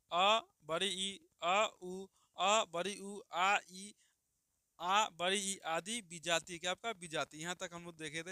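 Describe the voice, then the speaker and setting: A man's voice: high voice, sharp tone, clear, resonant tone, dry recording, clean studio sound. A man teaching a grammar lesson to students, asking questions and answering them himself.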